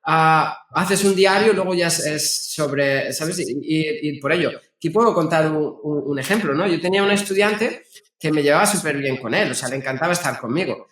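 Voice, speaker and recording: A man, speaking as a guest therapist in a conversational, halting way with frequent restarts. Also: on the high side, a bit bright. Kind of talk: conversational explaining. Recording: roomy echo.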